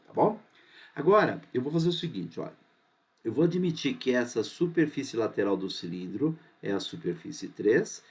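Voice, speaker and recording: A man's voice: mid-range voice, slightly rough. A man teaching a math lesson, patient and often checking that the students are following.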